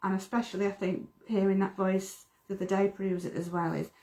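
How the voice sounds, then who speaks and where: Brisk and dark-toned, her mid-range voice barely moves in pitch. She is a middle-aged UK medium co-hosting a casual livestream chat, speaking earnestly and repeating words often.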